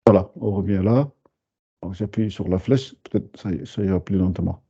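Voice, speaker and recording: Male tutor on a video call, lowish mellow voice, hesitant with fillers, patient, slow over-articulated syllables, muffled lo-fi audio. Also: breathy edge. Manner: hesitant, many fillers and restarts. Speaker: Arabic teacher. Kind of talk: online beginner lesson.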